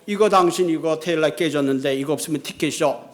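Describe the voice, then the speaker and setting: A man's voice: fairly high pitch, fast, natural voice. A stern traffic cop , as a pastor acts him out, questions a driver and hands out tickets. He sounds plain and firm, close to the preacher's own voice. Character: stern male traffic police officer.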